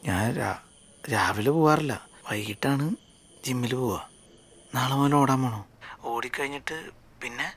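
A man's voice: sits high, animated, a little fast, long pauses, a bit bright, a little hiss or hum. An actor playing a young village man who argues back at his father and teases his sweetheart on the phone. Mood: teasing. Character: young village man, hot-headed but lovestruck. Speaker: film actor. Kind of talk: film drama dialogue.

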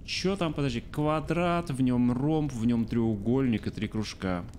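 In a small room, a man in his thirties streams a game with casual let's-play commentary, thinking aloud and replying to his chat. His medium-pitched voice is a little mellow and measured, picked up by a studio mic on an arm near his face, with slight background noise.

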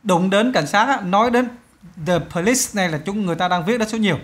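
A man's voice: high voice, fast talker, fairly bright tone. A man from Vietnam, teaching English test answers in a chatty way and repeating each English word twice. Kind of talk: explaining a test to students.

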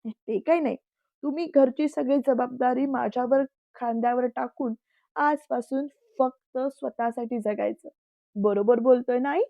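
A man's voice: very high voice, fairly even intonation, moderate pace, creaky, no room sound, muffled recording. A woman voicing a remorseful young man who pleads close to tears in a storybook reading. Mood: cheerful.

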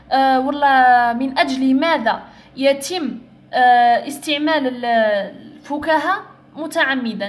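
A young woman with an Algerian Arabic accent tutors students through an English exam. Her voice sits high, and she works patiently step by step. She switches between Arabic, English and a little French, and slows down to read the English lines. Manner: explains step by step, mixing in English and French, reads English slowly. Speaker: English teacher.

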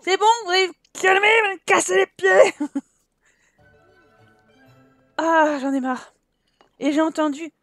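A woman's voice: very high-pitched, a little slow, pauses often, fairly bright tone, no room sound, faint music behind. A woman from France giving casual let's-play commentary, exasperated and scolding the characters in her game, often laughing. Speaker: gaming YouTuber.

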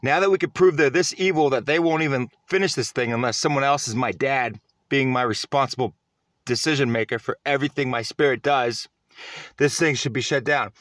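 Earnest rambling man with a bright voice. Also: mid-range voice, brisk, no room sound, studio quality. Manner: earnest, rambling, restarts often. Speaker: vlogger. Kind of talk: self-recorded vlog monologue.

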